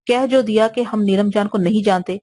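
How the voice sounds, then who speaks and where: A woman reading an audio novel, voicing a sharp-tongued courtesan who scolds in a mocking, theatrical way. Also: medium pitch, close to an everyday voice. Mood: scolding.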